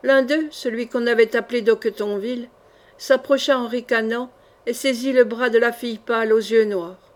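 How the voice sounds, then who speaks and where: A woman narrating an adventure novel in a measured, expressive reading. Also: on the high side. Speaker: audiobook narrator. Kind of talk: scripted literary narration.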